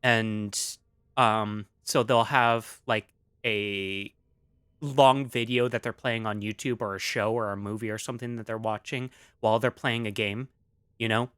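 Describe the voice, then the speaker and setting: A man's voice: lowish voice, fairly even intonation, measured pace, a bit bright, clear, resonant tone, no echo, studio quality. A man streaming casually, rambling with many fillers as he reads chat aloud, still coughing after an illness.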